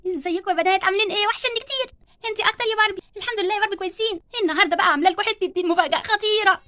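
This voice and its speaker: A woman voicing a mischievous, defiant schoolgirl doll in an Egyptian accent, cheeky and quick-talking. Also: very high voice, sharp tone. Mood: excited. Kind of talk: doll-play storytelling.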